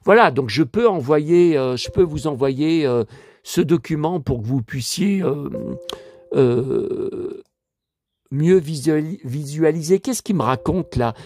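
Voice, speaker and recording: Slow-paced and on the high side, this man's voice belongs to a fifty-something collector doing a relaxed screen-share vlog. Full of filler words, he rambles straight at his audience, growing animated and indignant once he gets worked up.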